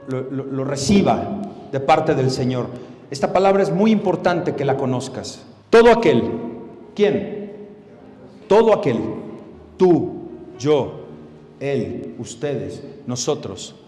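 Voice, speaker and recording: A man's voice: medium pitch, a little mellow. A man preaching a sermon, emphatic and speaking straight to his listeners with rhetorical questions. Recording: echoey hall.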